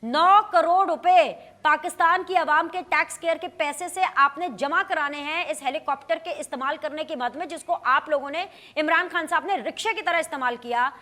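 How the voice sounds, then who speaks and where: A woman's voice: sits high, moderate pace, few pauses, sharp tone. A woman with a Pakistani Urdu accent hosting a news talk show, putting pointed, pressing questions to a guest.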